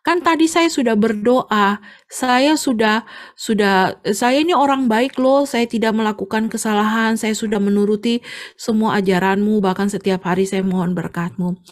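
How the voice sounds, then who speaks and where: A woman's voice: mid-range voice, a little mellow, natural voice. A woman voicing a middle-aged male tofu seller who complains bitterly to God. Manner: complaining, exasperated, later remorseful.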